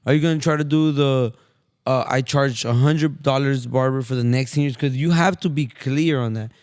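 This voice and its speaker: A man hosting a podcast in casual chat, talking quickly and saying bro a lot. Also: mid-range voice, darkish tone. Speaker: podcast host.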